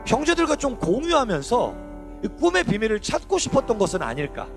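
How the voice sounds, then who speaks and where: Animated young guy preaching to teens, high voice with some fry, acts out quotes, soft music under. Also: fairly quick. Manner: animated, asks the kids questions and acts out quotes. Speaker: youth pastor. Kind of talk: lively youth sermon. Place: church youth service hall.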